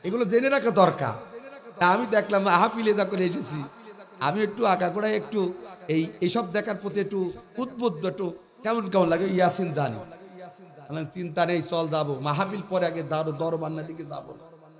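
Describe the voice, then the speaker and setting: A man from Bangladesh preaching a sermon, mocking and rhetorical, dropping to quiet asides and then rising to shouts. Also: high voice, moderate pace.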